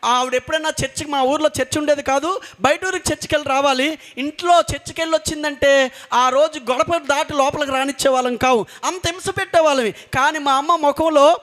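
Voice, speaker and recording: A preacher with an unusually high voice for a man. He shares a sermon testimony in an earnest storytelling way, driving his points home by repeating phrases. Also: steady tone, a little fast, a bit bright. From coastal Andhra Pradesh, India. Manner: earnest storytelling with emphatic repetition.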